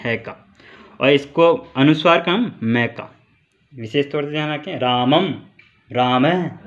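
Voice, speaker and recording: In a school Sanskrit grammar lesson, a man asks questions and answers them himself, spelling sounds out slowly, syllable by syllable. His voice is fairly high and a bit bright, and the recording has a lo-fi quality.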